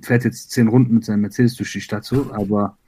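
A man from Iran, a rapper being interviewed, talking reflectively with many pauses, fillers and repeated words. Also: fairly low pitch, steady tone, warm tone, slightly rough. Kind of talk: conversational interview.

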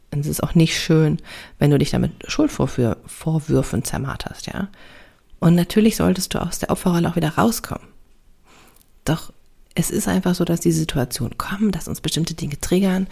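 Gravelly-voiced woman coaching mothers. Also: sits low, mellow. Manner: conversational, reassuring, fillers like ja and ne. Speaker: parenting coach and podcast host. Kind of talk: casual coaching talk.

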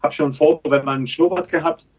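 Crowd noise surrounds a muffled recording of a podcast guest from Berlin, Germany, a charity campaign manager in his thirties. He talks fast in a fairly high voice with fairly even intonation, telling his story chattily with many fillers in a casual interview.

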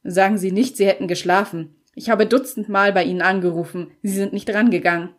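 A woman's voice: mid-range voice, fairly even intonation, brisk, natural voice. A woman voicing an impatient, stiff businessman in a read-aloud novel excerpt, speaking in clipped lines close to her own voice.

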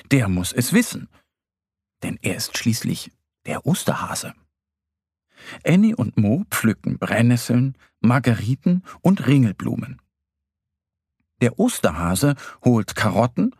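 A man narrating a children's story in a gentle, expressive storytelling manner. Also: medium pitch, breathy edge, dry recording, clean studio sound.

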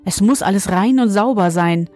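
A woman's voice: mid-range voice, moderate pace, darkish tone, soft background music, lightly acted. Storybook old woman, stern and commanding but kind underneath, voiced by a woman narrator. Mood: firm. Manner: firm, commanding. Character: mysterious old woman, stern yet kindly.

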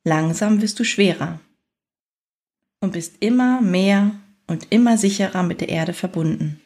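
Soothing woman guiding a slow relaxation. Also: medium pitch, darkish tone. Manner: soothing, unhurried, with long pauses between phrases. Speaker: guided meditation narrator. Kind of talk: guided fantasy journey, scripted relaxation narration.

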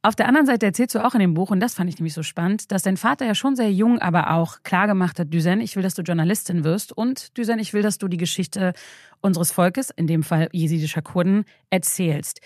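A woman interviewing a guest, asking engaged questions in a brisk manner. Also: on the low side, darkish tone, no echo, studio quality. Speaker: interviewer, host.

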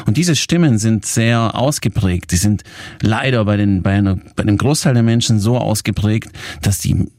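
A man's voice: lowish voice, moderate pace, a little mellow, no room sound. A man in his forties, a coach, speaking candidly and reflectively about his own experience in a casual motivational talk. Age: 40s.

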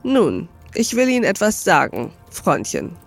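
A woman reading aloud voices an old male moneylender, gruff and commanding, later hearty, for a storybook reading. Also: mid-range voice, huge pitch swings, unhurried, faint music behind, heavily acted.

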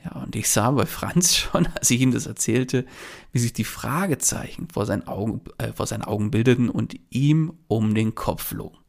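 On his solo podcast, a man with a creaky, mid-range voice talks at a moderate pace. He walks through a client story and speaks to listeners directly with advice, in a chatty manner packed with filler words.

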